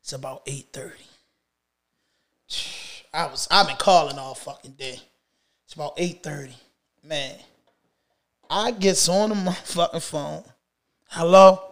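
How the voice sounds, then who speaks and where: A middle-aged man telling a story from his own past in a casual storytime, slangy and animated, swinging between loud bursts and low mutters. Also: measured pace, gravelly, long pauses.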